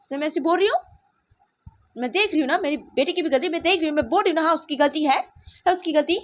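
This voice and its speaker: A woman's voice: mid-range voice, lively intonation, normal speed, husky, no echo. A woman voicing a tearful, scolding middle-aged mother who repeats herself insistently. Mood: upset scolding.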